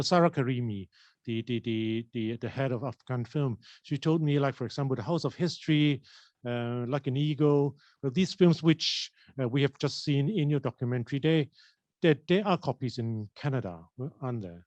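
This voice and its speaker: A man interviewing a filmmaker, asking his questions in a halting way, repeating words and ending on tag questions. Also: mid-range voice, darkish tone, no echo, lo-fi sound. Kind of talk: festival Q&A questions.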